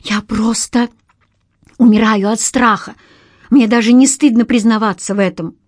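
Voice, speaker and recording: A woman reads out a hysterical young man in raised, shrill bursts, breathless and begging. The audiobook voice sits high and loud against a dry, close recording with no room around it. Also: steady tone, normal speed, no echo, natural voice. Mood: pleading. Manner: shrieking, breathless, pleading. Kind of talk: audiobook character voice.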